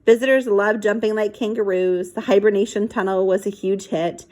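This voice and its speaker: At a normal speed and medium pitch, a woman brings a children's story to life, voicing the dialogue and making sound effects with animated energy. She pauses between passages to chat informally with the kids listening.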